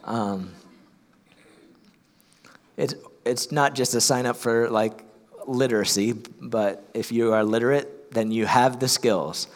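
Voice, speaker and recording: A man's voice: mid-range voice, slow pace, long pauses. A man from Ohio preaching a sermon as pastor, earnest, often repeating words as he restarts. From Ohio, USA. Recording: long hall reverb.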